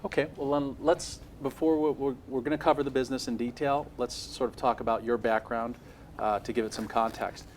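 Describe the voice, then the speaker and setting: A man's voice: medium pitch, steady tone, a little fast, slight background noise. A man interviewing a guest, restarting his questions as he asks them.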